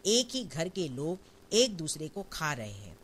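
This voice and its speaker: A woman's voice: sits low, very animated, measured pace, a little hiss or hum. A reader voicing a fearful woman in a stage play, asking shaken questions. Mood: worried.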